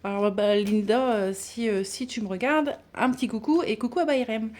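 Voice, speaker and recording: A woman vlogging casually about her budget binders, chatty and halting with many fillers and restarts. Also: a little high, a little mellow. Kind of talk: casual chat showing binders.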